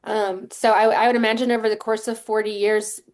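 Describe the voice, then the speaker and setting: A woman's voice: medium pitch, little pitch movement, a little fast. A woman who is a coach hosts a casual interview, talking in a friendly, loose way and rephrasing as she goes.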